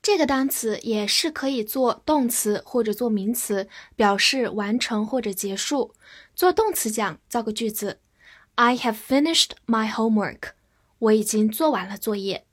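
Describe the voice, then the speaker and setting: Slow-spelling woman English teacher. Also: a little high, animated. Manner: spells words out letter by letter, slow drilled repetition. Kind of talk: spoken vocabulary lesson.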